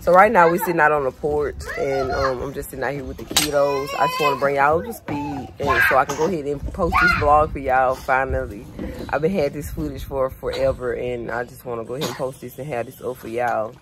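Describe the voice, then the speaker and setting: A woman vlogging to camera as a mother catching viewers up, with a hoarse voice and loose, rambling talk full of fillers, recorded outdoors on a porch. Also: very deep voice, steady tone, fairly quick. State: hoarse, voice going in and out. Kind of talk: casual chat to camera. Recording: loud background noise outdoors.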